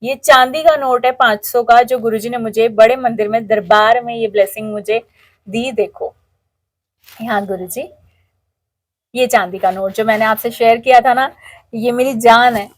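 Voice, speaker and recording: A woman's voice: fairly high pitch, steady tone, moderate pace, no room sound. A middle-aged woman telling an emotional, heartfelt devotional testimony to a congregation.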